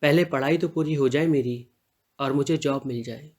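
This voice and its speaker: A man's voice: on the high side, normal speed, darkish tone, lightly acted. A man reading the part of a lovestruck young male college student in an audio story, earnest and pleading. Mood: affectionate.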